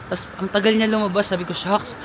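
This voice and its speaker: A man's voice: high-pitched, little pitch movement, fast talker, fairly bright tone. A Filipino man vlogging outdoors from a handheld phone, telling a playful, gossipy story and mixing in English. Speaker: travel vlogger. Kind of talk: casual vlog chat. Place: outdoors in a town in winter. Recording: faint street noise outdoors.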